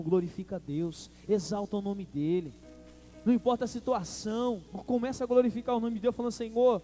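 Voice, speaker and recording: Brazilian pastor preaching, high mellow voice. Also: male voice. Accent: Brazilian Portuguese. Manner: preaching with call-and-response to the congregation. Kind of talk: sermon.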